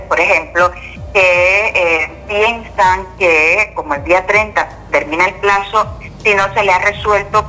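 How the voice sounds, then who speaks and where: An older woman with a slightly hoarse voice on a phone call, explaining things informally and reassuringly as a guest lawyer. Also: medium pitch. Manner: reassuring, checks in with tag questions. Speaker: immigration lawyer, radio guest. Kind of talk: informal explanatory interview talk. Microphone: telephone. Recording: bright phone call with faint noise.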